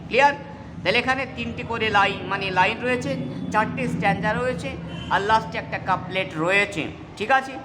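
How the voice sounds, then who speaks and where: A woman, teaching English literature and often checking that students follow. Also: mid-range voice. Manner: checks in with rhetorical questions. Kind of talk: explaining a poem in a lesson. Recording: long hall reverb, clear background noise.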